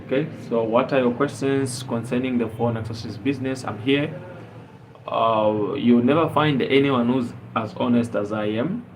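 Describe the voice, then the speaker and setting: A man's voice: medium pitch, moderate pace, a little hiss or hum, rough recording. A man from Zambia hosting a casual live stream, talking earnestly with many fillers and rhetorical questions.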